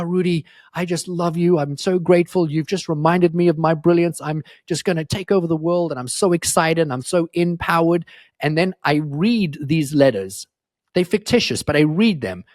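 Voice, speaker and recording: A man's voice: mid-range voice, no echo. Earnest man telling stories, dry sound. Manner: earnest, emphatic storytelling. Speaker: podcast guest. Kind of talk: motivational interview talk.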